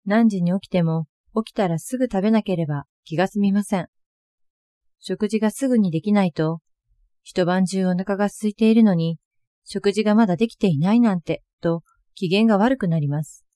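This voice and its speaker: An older woman reading her own first-person account aloud, in a steady, earnest storytelling manner. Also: mid-range voice, brisk, no room sound. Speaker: narrator of a personal testimony.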